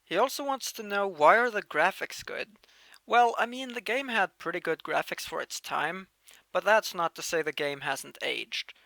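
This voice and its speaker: This is a casual Q&A monologue by a Norwegian channel host in his late teens, who chats through viewer questions with frequent restarts and bursts of emphasis. His voice is high-pitched and creaky at normal speed, with lively changes in loudness and no echo.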